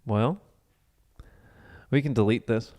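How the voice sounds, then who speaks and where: A young man from the US Midwest co-hosting a podcast, cracking dry, deadpan jokes and teasing his co-host. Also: medium pitch, slow. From Ohio, US. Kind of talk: casual chat.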